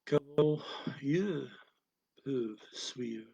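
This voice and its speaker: A man teaching a language lesson, reading each phrase and then its translation in a deliberate, soft manner that drops near a whisper at times. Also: medium pitch, animated, vocal fry, husky, dry recording, dull audio. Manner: deliberate, alternates each English phrase with its French version.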